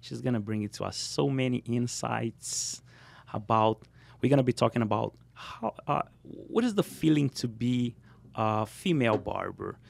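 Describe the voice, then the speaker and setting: A man's voice: mid-range voice, lively intonation, normal speed, creaky. A man hosting a podcast interview, welcoming with energy and asking questions with frequent restarts. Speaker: podcast host. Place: podcast studio.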